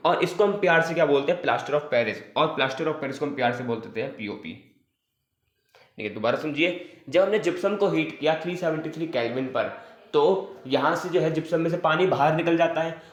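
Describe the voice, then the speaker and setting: Male chemistry tutor, fairly high voice, roomy sound, drills each point with questions and frequent check-ins. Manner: repetitive question-and-answer teaching, frequent "theek hai". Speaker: chemistry teacher. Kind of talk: online class lecture in Hindi with English terms. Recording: echoey room.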